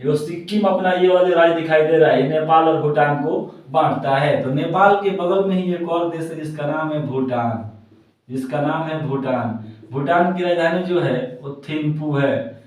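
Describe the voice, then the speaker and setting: A man's voice: fairly high pitch, moderate pace, a little mellow, recorded from a distance. A man teaching a map-based geography lesson, saying each point twice and chanting lists of country names in a sing-song rhythm. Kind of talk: classroom-style map lesson. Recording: very echoey room, voice from away from the mic.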